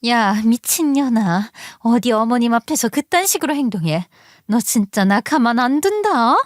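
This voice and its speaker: A bratty younger sister-in-law, put on by a woman narrator, sneering and spiteful, her voice pushed higher than the narrator's own. The sound is dry and close, with no room around it. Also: animated, normal speed, no room sound, lightly acted. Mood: abusive. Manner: mocking, then pleading.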